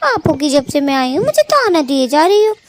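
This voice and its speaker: A woman's voice: sits high, big pitch swings, fairly quick, a little hiss or hum. A woman voicing a sly young bird daughter-in-law in a cartoon, in a sugary, whiny, mock-sweet manner.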